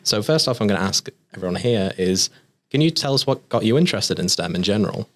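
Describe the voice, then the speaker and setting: A man's voice: lowish voice, animated, fast. A man co-hosting a podcast as a PhD student, speaking hesitantly with fillers. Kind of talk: casual podcast chat. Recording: noisy recording.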